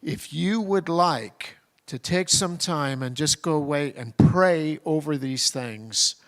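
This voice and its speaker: Slow, gracious man moderating. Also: fairly high pitch, fairly bright tone. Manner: gracious, unhurried, with fillers. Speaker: session moderator. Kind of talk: closing announcements.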